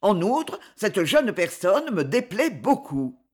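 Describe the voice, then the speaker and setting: A woman's voice: mid-range voice, sing-song, slow pace, slightly rough, full character voice. A woman reading an audiobook, voicing a cold, haughty aristocratic father who speaks in clipped, contemptuous tones. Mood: icy. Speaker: character in an audiobook novel.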